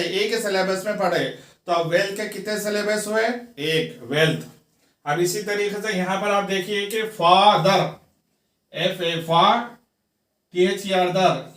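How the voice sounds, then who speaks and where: A man's voice: high-pitched, fairly bright tone. A man with a Pakistani Urdu accent teaching English grammar to beginners. He spells words out letter by letter and asks questions that he answers himself. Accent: Urdu-speaking, Pakistani. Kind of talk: classroom grammar lesson. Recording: echoey room, voice far from the mic.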